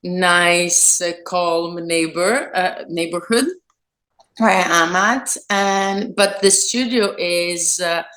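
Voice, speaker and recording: A yarn dyer from Greece speaks as a guest in a casual video-call interview from her home studio. Her voice is fairly low and a bit bright, and she takes things slowly. She uses many fillers and often restarts her sentences.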